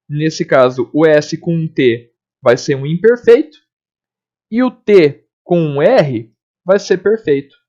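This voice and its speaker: A man teaching a recorded grammar lesson, explaining step by step, checking in often and spelling out letters and sounds slowly. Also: a little high, darkish tone. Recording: dull lo-fi recording.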